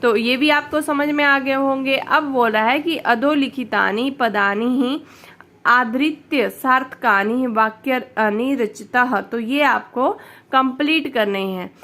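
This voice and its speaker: Slow-speaking woman teacher. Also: high-pitched, sharp tone. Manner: patient, repeats each answer, addresses students directly. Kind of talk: explaining a textbook lesson.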